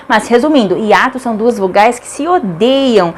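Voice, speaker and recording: A woman's voice: fairly high pitch, lively intonation, normal speed, a little hiss or hum. A Brazilian woman teaching an online grammar lesson. She speaks emphatically, repeats key words and asks rhetorical questions. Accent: Brazilian Portuguese.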